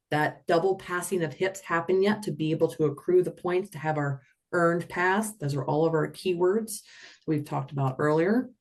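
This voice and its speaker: A woman teaching roller derby officiating on a webinar, energetic and animated, often acting out skaters in playful voices. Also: low-pitched.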